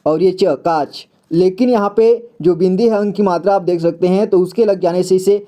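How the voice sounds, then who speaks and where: A young man giving a slow, patient reading lesson, repeating each syllable and checking in often. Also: high voice, mellow. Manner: repeats syllables slowly, says "ठीक है" often. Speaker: Hindi reading teacher.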